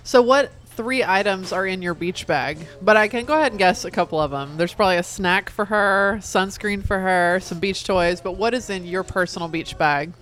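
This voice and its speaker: A woman's voice: mid-range voice, a bit bright, faint music behind. A woman co-hosting a casual chat show, playful and jokey, asking guests questions at a restaurant table. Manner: playful, jokey, quick to laugh. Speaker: co-host. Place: restaurant with the show's crowd at a table.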